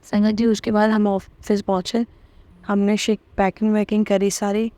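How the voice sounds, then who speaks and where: Devout woman sharing, warm mellow voice. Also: medium pitch, level tone, normal speed, no echo. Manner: emotional, repeating words of thanks softly. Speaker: devotional satsang host. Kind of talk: devotional testimony talk.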